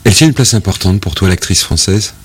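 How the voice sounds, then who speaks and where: A male radio host in a studio interview, asking his guest questions in a measured, courteous way. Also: sits low, expressive, husky.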